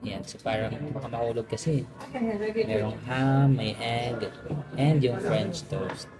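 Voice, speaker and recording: A man's voice: mid-range voice, lively intonation, takes it slowly, over loud music. Young filipino guy doing a chatty travel vlog, playful and easygoing, filipino accent. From Philippines. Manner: chatty, playful, self-narrating. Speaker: travel vlogger.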